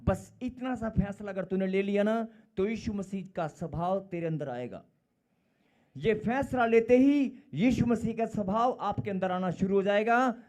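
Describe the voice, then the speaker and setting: A middle-aged man preaching a sermon, emphatic and repetitive, swinging between loud calls and quiet asides. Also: high voice, a little slow.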